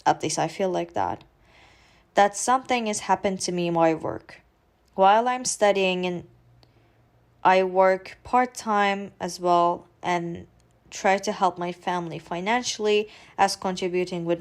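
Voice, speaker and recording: A woman in her twenties from Turkey, a student vlogger, narrates her personal video with a Turkish accent, earnest and careful, with occasional hesitant fillers. She speaks at a measured pace in a voice on the low side.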